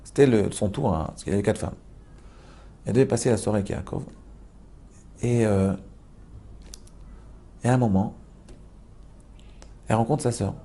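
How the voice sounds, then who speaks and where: A man's voice: on the low side, moderate pace, pauses often, mellow. A man teaching a spoken Torah lesson, telling the story with many rhetorical questions to his listeners and restarting phrases as he explains.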